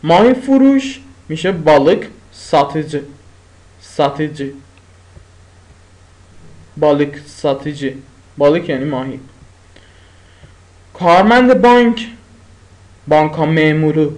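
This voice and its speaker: Male tutor with a slightly high voice, drilling vocabulary through repetition and chatty asides. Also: very animated, a little mellow. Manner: repeats each word slowly, explains with pauses and fillers. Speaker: language teacher. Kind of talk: spoken language lesson.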